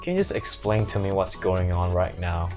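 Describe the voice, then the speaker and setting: Casting: male actor as an everyday Hong Kong man, thick Cantonese accent, flat intonation, low voice, skit dialogue. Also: normal speed, soft background music. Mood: complaining. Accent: exaggerated Hong Kong Cantonese. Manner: monotone with put-on pronunciation. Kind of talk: acted demonstration dialogue.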